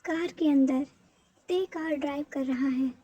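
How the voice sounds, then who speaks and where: A woman narrating a fan fiction story in a plain, steady reading voice. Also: high-pitched, a little slow, slight background noise, poor audio.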